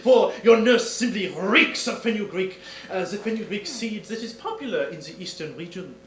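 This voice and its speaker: An actor playing a pompous French-Canadian detective with a put-on accent in an old-time radio comedy stage show, theatrical and full of fillers. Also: male voice, high-pitched, lively intonation, moderate pace, a bit bright. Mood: smug. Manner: theatrical, hesitant with many fillers. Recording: roomy live stage recording.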